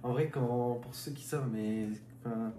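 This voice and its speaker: A young father chatting casually in a family vlog, relaxed and rambling. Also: mid-range voice, moderate pace, very noisy. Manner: relaxed, rambling, full of fillers. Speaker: vlogging father, her partner. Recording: echoey room.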